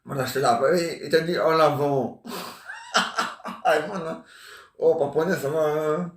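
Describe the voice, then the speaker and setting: A man's voice: a little high, fairly even intonation, a little slow, recorded from a distance. A man in his forties rambling and joking in casual chat, teasing banter. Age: 40s. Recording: echoey room.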